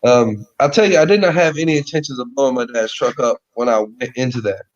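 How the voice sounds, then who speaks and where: A man's voice: mid-range voice, quick pace, lo-fi sound. A man telling a story in casual podcast chat, rambling with lots of "like" and "you know", heard over a remote call.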